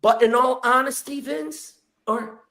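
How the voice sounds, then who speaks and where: A man's voice: very high-pitched, fairly even intonation, a little slow, bright, forceful tone. A man hosting a podcast, delivering a profane comedic roast full of crude mocking insults. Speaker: podcast host.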